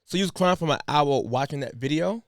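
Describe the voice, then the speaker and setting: A man hosting a casual podcast interview, giving short reactions and gentle follow-up questions. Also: fairly high pitch, expressive, a little fast, no echo, clean studio sound. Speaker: podcast host.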